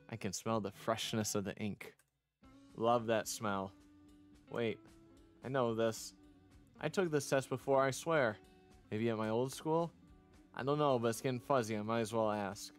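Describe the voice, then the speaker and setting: Over faint background music, a man with a lowish voice reads a visual novel aloud at normal speed while streaming. He rambles off into chatty asides between the lines in this casual playthrough commentary.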